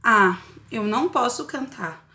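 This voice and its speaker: A woman voicing a small, gentle male snail in a children's storybook reading, speaking in slow, plaintive sighs. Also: on the high side, expressive, echoey room, voice pushed down, heavily acted. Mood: wistful.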